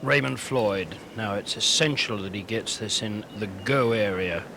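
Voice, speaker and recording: A man's voice: lowish voice, a little slow. A man giving live golf commentary in terse, spaced-out short phrases. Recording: very noisy outdoor broadcast.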